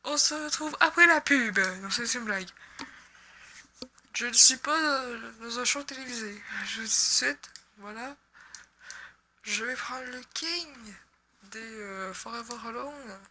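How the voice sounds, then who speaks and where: A young Québécoise woman commenting on her game in a high, very bright voice. She chats and jokes loosely, switching into quick swearing when a move fails. A faint hiss sits under her voice. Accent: Québécois French. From Quebec. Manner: chatty, joking, swears when she misses. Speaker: gaming YouTuber. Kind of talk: casual gameplay commentary.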